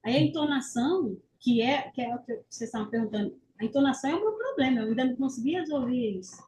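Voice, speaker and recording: A woman's voice: high-pitched, expressive, quick pace, dark tone, a little hiss or hum, rough recording. A woman student talking casually in an online class, hesitant and rambling, with many restarts.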